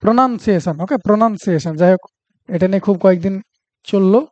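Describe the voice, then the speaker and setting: High-voiced Bengali male reasoning teacher. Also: flat delivery, quick pace, warm tone, no echo. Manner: talks through steps aloud, checking with students. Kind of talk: exam-prep lesson.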